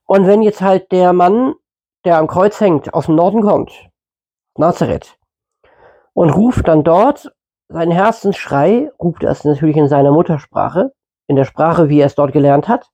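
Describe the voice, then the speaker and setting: A man explaining scripture in a relaxed, chatty sermon voice. His tone is warm and dark, with a slightly husky edge. He often pauses with fillers and corrects himself mid-sentence. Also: on the high side. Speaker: preacher. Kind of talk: informal Bible teaching.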